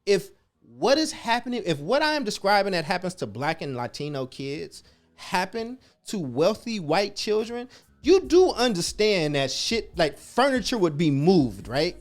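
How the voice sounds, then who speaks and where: A man's voice: high-pitched, big pitch swings, measured pace. A man from the Chicago area, raised in Oakland, hosting a casual virtual happy hour and talking in an emphatic, slangy way. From born in Chicago area, raised in Oakland. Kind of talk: casual livestream chat reading comments.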